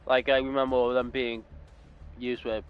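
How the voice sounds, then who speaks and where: Slow, rambling young man from California. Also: mid-range voice, level tone, clean tone, lo-fi sound, faint music behind. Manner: rambling, self-correcting. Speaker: gaming YouTuber. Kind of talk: casual gameplay commentary.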